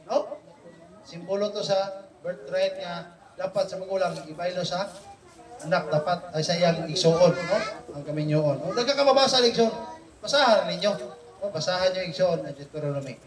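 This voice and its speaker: A man leading a family Bible study, animated and teasing, constantly checking in with his listeners. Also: high voice, normal speed. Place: home room with family gathered. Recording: echoey room, far from the mic.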